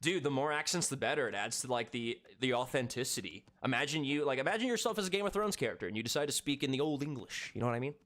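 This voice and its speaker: A man's voice: mid-range voice, lively intonation, fast talker, hardly any pauses, fairly bright tone. A man in his thirties chatting casually with viewers during a live game stream, laid-back and profane. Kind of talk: casual live-stream chat while gaming.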